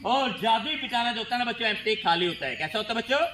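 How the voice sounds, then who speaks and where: A man's voice: extremely high pitch, racing. A man performing as a stage magician at a school event, telling stories and repeatedly addressing the children. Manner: repetitive, lively storytelling, keeps addressing the children. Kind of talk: magic show patter for schoolchildren. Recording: noisy school show recording.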